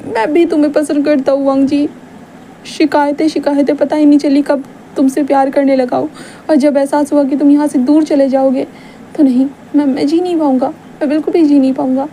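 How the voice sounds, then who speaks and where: A woman's voice: high voice, level tone, brisk, dark tone, slight background noise. A woman voicing a tearful pleading young man. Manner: stammering, breathless pleading.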